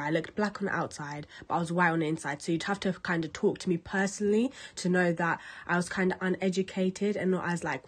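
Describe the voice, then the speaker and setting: Young woman, lowish voice, candid, ranting, swears freely, casual interview. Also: husky.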